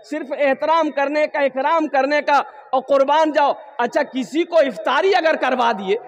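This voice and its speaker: Male preacher, very high voice, joking with the crowd, far mic in a big hall. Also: moderate pace. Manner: preachy, teasing the audience. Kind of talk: humorous sermon.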